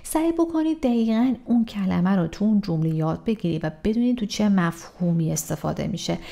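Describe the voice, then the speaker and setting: A woman teaching English vocabulary, explaining each word in Persian and reading example sentences slowly, repeating them for the learner. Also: mid-range voice, lively intonation, creaky, dark tone. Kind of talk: vocabulary lesson.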